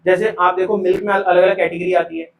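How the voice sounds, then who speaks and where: Heard from far back in an echoey classroom, a male commerce teacher lectures live in a high, bright voice with a gravelly edge. His tone is level and his pace brisk, and he keeps quizzing the students, whom he calls "beta."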